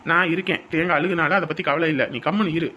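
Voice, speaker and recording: A man's voice: a little high, fairly even intonation, fast talker, sharp tone, slight background noise. An actor playing a confident young man who reassures his anxious bride in a family drama. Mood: reassuring. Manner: reassuring, boastful.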